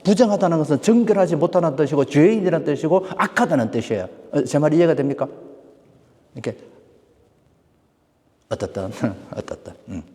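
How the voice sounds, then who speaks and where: A man preaching a sermon to a church congregation, animated and full of questions put to the listeners. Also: on the high side, fairly quick, long pauses. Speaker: pastor. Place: church sanctuary. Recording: long hall reverb.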